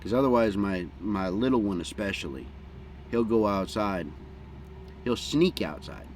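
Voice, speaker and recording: His voice sits lowish and a little dark, with lively intonation and a slightly slow delivery. He's a middle-aged American vlogger rambling unhurriedly outdoors, folksy and plain-spoken, with a pipe between puffs. The recording is clear, with background noise and an outdoor hum.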